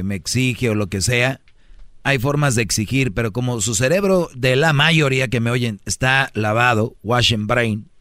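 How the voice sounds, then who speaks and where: A man with a Mexican Spanish accent hosts a radio show, preaching comic advice to listeners and firing off rhetorical questions in a joking, lecturing tone. His mid-pitched voice is smooth and fairly bright, and the recording sounds dry and close with no room echo.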